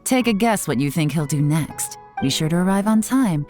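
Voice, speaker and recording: A woman's voice: on the low side, expressive, normal speed, darkish tone, faint music behind, close to an everyday voice. A woman playing a poised, shrewd intelligence operative in a video game, composed and authoritative. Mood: sly, confident.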